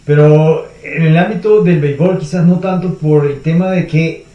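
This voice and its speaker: A Venezuelan man with a Venezuelan accent, a guest answering interview questions in a measured way, with frequent hesitations. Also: fairly high pitch, fairly even intonation, lo-fi sound. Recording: echoey room.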